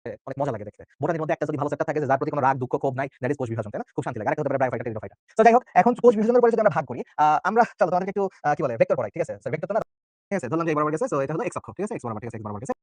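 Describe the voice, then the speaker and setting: Rapid-fire high-voiced young tutor. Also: male voice, animated, darkish tone, dry recording. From Bangladesh. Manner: chatty, joking, keeps checking in with students. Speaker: biology tutor. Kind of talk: online exam-prep lecture.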